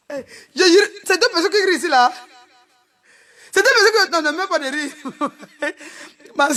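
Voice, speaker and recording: A woman doing joking live-stream banter on a phone, loud and laughing, often breaking into shouts. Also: extremely high pitch.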